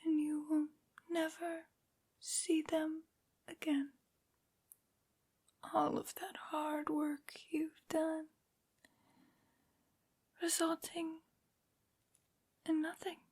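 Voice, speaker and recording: A woman voicing a haughty, vengeful aristocratic vampire lady in an ASMR roleplay, in a breathy whisper with taunting, mockingly sweet phrasing. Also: sits high, completely flat delivery, drawn-out words, pauses often, a little mellow, exaggerated voice. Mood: menacing, taunting.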